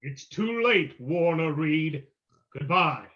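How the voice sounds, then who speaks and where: A man's voice: fairly high pitch, animated, slow pace, pushed and bright, heavily acted. Man acting a theatrical radio vigilante detective, muffled audio, the Shadow. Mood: ominous, triumphant. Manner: theatrical, explanatory, dramatic. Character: the Shadow, suave, menacing male vigilante detective. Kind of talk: old-time radio drama acting.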